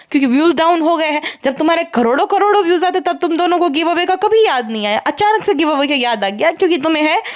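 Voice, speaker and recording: A woman with a high voice delivering scornful, sarcastic commentary in a casual roast style. She talks straight to her viewers, picking other creators apart.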